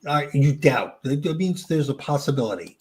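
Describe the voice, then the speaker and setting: A man with a New Jersey accent hosting a casual chat, joking around and talking in halting restarts. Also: a little high, lively intonation. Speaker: channel host.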